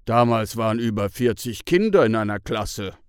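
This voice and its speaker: A man voicing a calm adult who explains things in a firm, matter-of-fact way. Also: fairly low pitch, moderate pace, clean tone, dry recording, clean studio sound, lightly acted.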